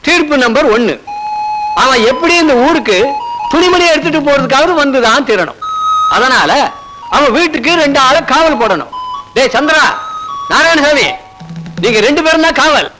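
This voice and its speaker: A self-important village headman in a comedy film, with a strikingly high voice. He lays down his rulings in a pompous, commanding manner, over a film score. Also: animated, moderate pace, pauses often, music in the background, rough recording. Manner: pompous, issues verdicts loudly.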